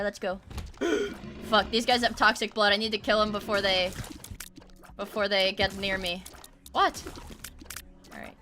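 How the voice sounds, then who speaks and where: Excitable high-voiced woman streamer. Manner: excitable, shrieks and gasps, swears. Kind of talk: casual gameplay commentary.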